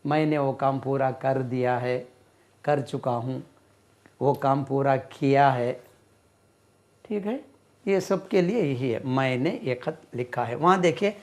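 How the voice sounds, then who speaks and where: Slow-paced man teaching English. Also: fairly high pitch, a little mellow. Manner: slow, repeats words and spells them out while writing. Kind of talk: classroom-style lesson explaining grammar.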